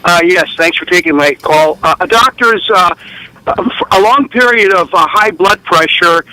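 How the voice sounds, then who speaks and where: Male caller heard over the phone, high and bright voice, hesitant and halting. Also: low-quality recording. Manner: hesitant, with many fillers. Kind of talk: call-in question.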